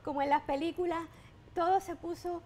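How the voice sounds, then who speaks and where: A woman's voice: extremely high pitch, steady tone, moderate pace, darkish tone, a little hiss or hum. A Puerto Rican woman in her fifties with an accent blended with Panamanian, talking expressively and effusively as an interview guest. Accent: Puerto Rican Spanish blended with Panamanian. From Puerto Rico. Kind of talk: casual interview talk.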